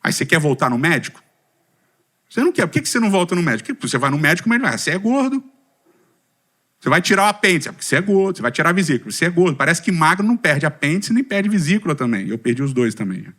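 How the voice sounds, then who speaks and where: A rapid-fire, fairly high-pitched middle-aged Brazilian man addresses a church community with a comic personal testimony. He has a Brazilian Portuguese accent, tells his story with lively, self-mocking humor, and keeps asking his listeners questions.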